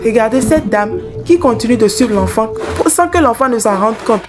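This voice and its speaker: A woman narrates a moral folk tale, turning often to address her audience. Her voice sits slightly high in pitch. Music plays clearly underneath. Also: animated, moderate pace. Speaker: storyteller.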